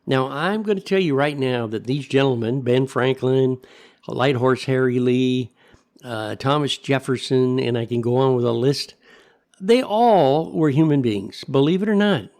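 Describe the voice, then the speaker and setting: A man's voice: medium pitch, unhurried, a little mellow. An older man with an American accent rambles through a back-in-my-day political rant, opinionated and sardonic, throwing in rhetorical questions. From United States. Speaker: commentator. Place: kitchen at home.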